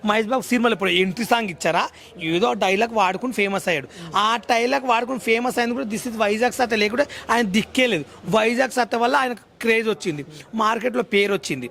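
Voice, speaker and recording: A man, talking at a rapid clip in an agitated, heated interview. His voice sits very high and has a gravelly edge. He keeps slipping into a mocking, broken-English imitation of others. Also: fairly bright tone.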